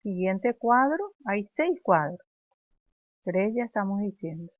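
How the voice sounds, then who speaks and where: A woman's voice: mid-range voice, big pitch swings, takes it slowly, no echo. A woman teacher giving a first-grade language lesson, patiently modeling words for pupils to repeat. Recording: thin phone-like sound.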